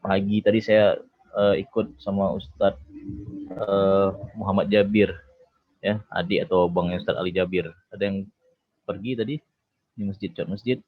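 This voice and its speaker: Low-voiced man giving an online talk. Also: moderate pace, pauses often, no room sound, phone-quality sound. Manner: relaxed, conversational, many "eh" fillers and "ya" tags. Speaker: doctor giving a public speaking talk.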